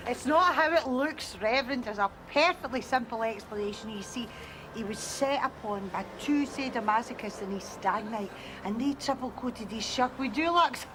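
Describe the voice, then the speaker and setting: A woman's voice: on the high side, normal speed, natural voice. A woman with a Glaswegian accent playing a brash, bossy, mock-polite mother of the groom in a TV sitcom. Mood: brazen excuses. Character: brash, sharp-tongued mother of the groom at a wedding. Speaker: sitcom actress. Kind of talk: television sitcom acting. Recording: very noisy TV location sound.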